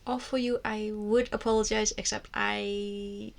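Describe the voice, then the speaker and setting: An Icelandic woman who vlogs about books chats to camera in English, her second language, with an Icelandic accent. Her mid-range, creaky voice stays level and measured as she rambles off on tangents in a casual monologue.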